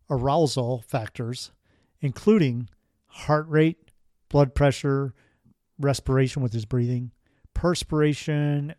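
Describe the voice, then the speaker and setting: A man's voice: on the high side, a little mellow, no room sound, studio quality. A man hosting a podcast, telling a strange story in a casual, rambling way with wry asides. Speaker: podcast host.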